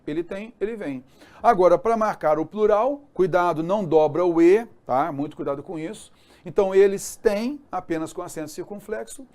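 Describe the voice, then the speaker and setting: A Brazilian man teaches an exam-prep grammar lesson. His voice sits slightly higher than most men's, and he keeps it chatty, checking in with his students again and again. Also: darkish tone. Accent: Brazilian Portuguese. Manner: chatty, repeats checks like "beleza?" and "tá?".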